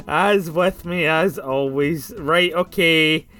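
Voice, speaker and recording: A man's voice: fairly high pitch, slow, pushed and bright, soft background music. A man with a Glasgow Scottish accent hosting a casual podcast, joking, swearing and stumbling over his own intro. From Scotland. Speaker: podcast host. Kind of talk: casual chat.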